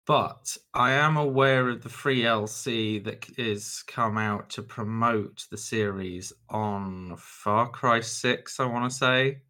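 A man's voice: medium pitch, takes it slowly, hardly any pauses, sharp tone. A man co-hosting a casual podcast, giving dry, wry asides. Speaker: podcast co-host. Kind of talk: casual chat.

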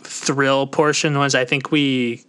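A young man chatting casually on a podcast, rambling loosely and filling pauses with "like". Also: mid-range voice, smooth. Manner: relaxed, rambling with many "like" fillers. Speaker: podcast host.

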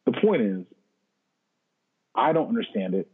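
A man's voice: lowish voice, big pitch swings, measured pace, slightly rough. A man co-hosting a sports podcast, making emphatic, preachy points in casual talk. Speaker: podcast co-host. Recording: tinny phone-like line.

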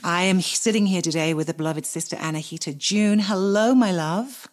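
Woman podcast host, low voice, emphatic, effusive delivery. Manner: effusive, slow and emphatic with frequent laughs. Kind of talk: casual spiritual podcast chat.

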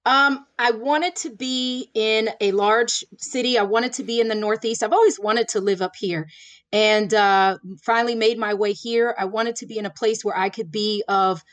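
Earnest woman in her 40s, former prosecutor, answers slow and careful with lots of "you know"s, dry close sound. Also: fairly high pitch, steady tone, fairly bright tone, no echo. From Florida. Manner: measured, earnest, many "you know" and "um" fillers. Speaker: judicial candidate, former prosecutor. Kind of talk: podcast interview answers.

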